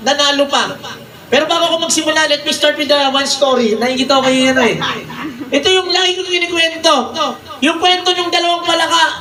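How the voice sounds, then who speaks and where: A man with a Filipino accent preaching a lively storytelling sermon to a congregation, shouting out the voices in his stories and joking with the listeners. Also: very high voice, roomy sound, recorded from a distance. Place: church hall.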